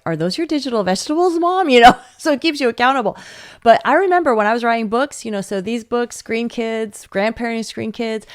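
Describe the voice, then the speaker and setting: Animated woman presenter, dry close sound. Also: medium pitch, no echo. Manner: lively, acts out quoted voices, laughs often. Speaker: webinar presenter. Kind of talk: teaching webinar talk to parents. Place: home office, not in the same room as her audience.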